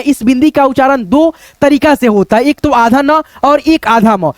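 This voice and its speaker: A man teaching a whiteboard lesson, spelling out letters slowly and checking in with listeners, sweating as he works. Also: very high voice, no room sound. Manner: repeats "friends" and tag questions, spells out letters slowly.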